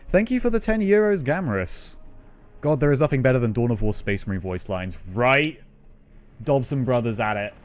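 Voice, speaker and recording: A man's voice: mid-range voice, expressive, normal speed, soft background music. A man chatting casually as he streams a game, giving opinions and swearing freely. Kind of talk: casual live gaming commentary.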